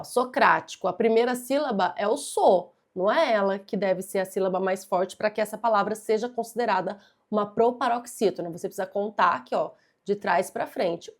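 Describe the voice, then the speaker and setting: A woman's voice: medium pitch, a little fast, few pauses. A young adult woman teaching a grammar lesson, patient and methodical, stressing key words and speaking straight to the student. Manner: talks directly to the student. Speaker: Portuguese teacher. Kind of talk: exam-prep grammar lesson.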